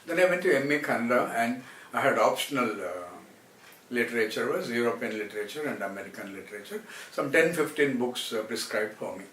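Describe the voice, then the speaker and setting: Talking haltingly and circling back on the same phrases, this Telugu-speaking man from Karnataka, once a film actor and now a translator, tells viewers his life story in a South Indian accent. His medium-pitched voice is expressive and fairly bright, heard from a distance in a roomy room over a faint noise floor.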